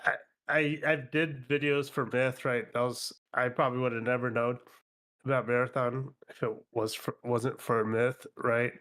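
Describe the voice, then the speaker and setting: A man's voice: medium pitch, level tone, moderate pace, a bit bright. A man with a slightly nasal, post-nose-surgery voice, chatting casually as a livestream guest in a hesitant, self-effacing way that repeats words. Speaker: guest, video creator on a game channel.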